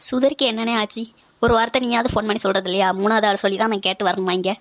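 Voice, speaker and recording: A woman voicing a distraught middle-aged village mother and aunt in an animated family drama, scolding and lamenting. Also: mid-range voice, rapid-fire, no echo, lightly acted. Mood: anguished.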